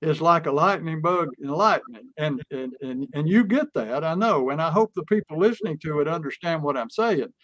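A man talks through a point in a relaxed, folksy way, building little stories and acting out lines to make it land. His voice sits a little high, and the recording is close and dry with almost no room sound. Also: moderate pace, hardly any pauses, no room sound. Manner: folksy, illustrates with stories and acted examples. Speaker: sales and persuasion speaker. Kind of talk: conversational teaching chat.

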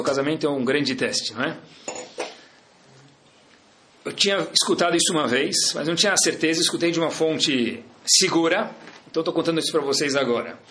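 A man teaching a Torah lesson, telling a story in an animated way and speaking directly to his listeners. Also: fairly high pitch. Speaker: rabbi teacher. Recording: echoey room.

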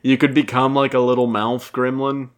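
A man's voice: medium pitch, level tone, normal speed, clear, resonant tone. A young man chatting on his podcast with a mid-range voice. He rambles, restarts and jokes at his own expense. Loose, comedic back-and-forth with his co-host. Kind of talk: casual comedic chat.

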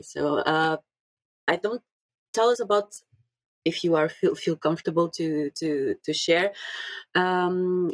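A woman, co-hosting a podcast, speaking in halting phrases with repeated words. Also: on the low side, no echo. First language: Portuguese. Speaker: podcast co-host. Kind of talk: casual podcast conversation.

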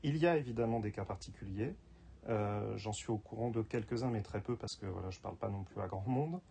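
Brief: male co-host, warm mellow tone, halting delivery that searches for words. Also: on the low side, vocal fry, husky. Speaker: podcast co-host and screenwriting teacher. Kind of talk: casual chat.

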